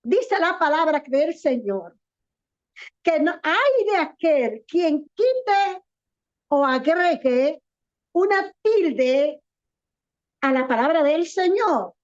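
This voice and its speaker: A woman pastor preaching a sermon in an earnest way, with rhetorical questions and slow, stressed words for emphasis. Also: high voice, sing-song. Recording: dull lo-fi recording.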